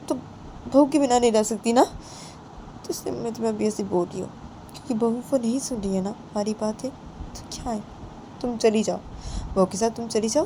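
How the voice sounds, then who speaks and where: A woman voicing a stern middle-aged aunt who scolds loudly and sarcastically, repeating herself. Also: medium pitch, slight background noise, lightly acted. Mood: pleading firmly. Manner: loud, repetitive scolding.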